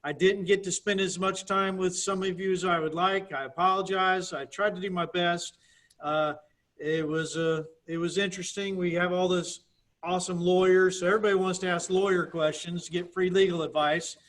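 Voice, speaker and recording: A man's voice: high voice, steady tone, moderate pace, a bit bright. A man moderating a group meeting, upbeat and informal as he thanks the panelists and calls on the next speaker. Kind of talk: casual meeting hosting.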